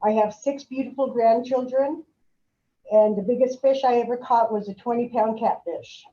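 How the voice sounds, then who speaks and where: Relaxed older woman on a dull call line. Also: fairly high pitch, moderate pace, roomy sound. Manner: relaxed, joking. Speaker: webinar participant. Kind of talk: casual chat on a video call.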